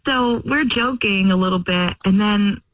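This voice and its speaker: A woman's voice: a little high, dry recording. A young woman calling in to a radio show, chatty and rambling with lots of fillers. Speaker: caller. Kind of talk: phone call to a radio show. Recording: phone line from far off.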